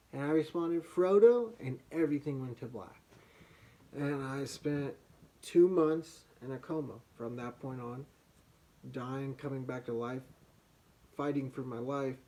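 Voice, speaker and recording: The man's voice is mid-range and soft, a result of slightly damaged vocal cords. As a vlogger, he tells a personal story haltingly, with pauses and restarts.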